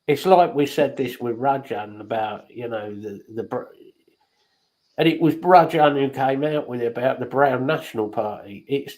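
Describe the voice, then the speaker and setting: A man in casual conversation, crude and outspoken, with plenty of swearing. His voice sits at an ordinary middle pitch. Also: normal speed, a little mellow, low-quality recording. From England. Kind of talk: casual chat.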